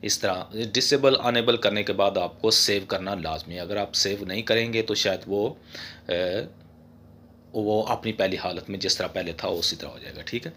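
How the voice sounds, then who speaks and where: A man's voice: on the low side, moderate pace, sharp tone, slight background noise. A man hosting a casual how-to tutorial for his TV repair channel, chatty and often ending lines with "okay". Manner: voice-over with no face on screen.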